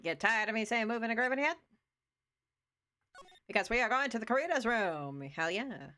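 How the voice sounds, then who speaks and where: A woman's voice: fairly high pitch, lively intonation, moderate pace, bright, forceful tone. A woman voicing a game's story in a hammy old-time radio announcer style while playing it. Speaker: let's play streamer.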